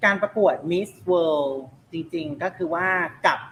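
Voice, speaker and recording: A woman's voice: sits low, slow pace, a bit bright, a little hiss or hum, rough recording. A woman co-hosting a casual chat interview, teasing and jokey with blunt slang. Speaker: co-host.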